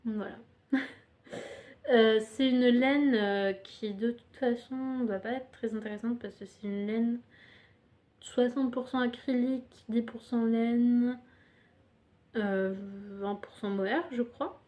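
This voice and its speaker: A woman's voice: on the high side, steady tone, slow, highs cut off. A young woman casually presenting her knitting projects on camera, hesitant and full of fillers, chatty and self-mocking. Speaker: knitting podcaster.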